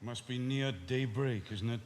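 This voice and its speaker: An actor playing a bitter, suspicious older husband on stage, brooding and breaking into shouts. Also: male voice, mid-range voice, steady tone, normal speed, lightly acted. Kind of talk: stage drama performance.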